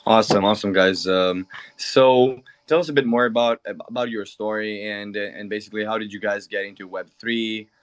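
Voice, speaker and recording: A man's voice: on the low side, steady tone, moderate pace, smooth. A man hosting an online audio chat, upbeat and prone to repeating himself. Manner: upbeat, repeats words like "awesome". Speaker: host. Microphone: online audio stream.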